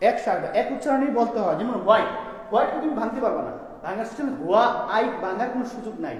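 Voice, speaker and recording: This male teacher's voice is high and a little mellow as he explains grammar to his class one step at a time, stopping to question his students. The recording has an echoey room and long reverb.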